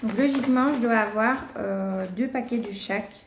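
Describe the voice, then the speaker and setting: A woman's voice: a little high, normal speed. A young woman with a Belgian French accent chatting casually through a product unboxing, full of hesitations and little apologies. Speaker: vlogger. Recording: echoey room, faint noise.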